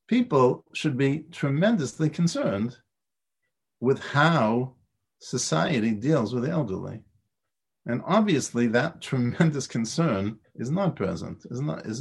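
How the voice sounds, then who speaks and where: A man's voice: mid-range voice, creaky, slightly rough. A man teaching a Torah class, with lots of stammered restarts and rhetorical questions. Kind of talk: lecture on Pirkei Avot.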